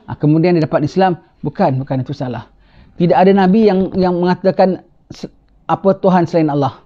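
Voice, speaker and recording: A male religious teacher tells a story in a sermon, animated and chatty. He keeps checking in with his listeners with a quick "ha?". His voice sits a bit high, and the recording sounds dull and lo-fi. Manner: animated, tags lines with rhetorical "ha?".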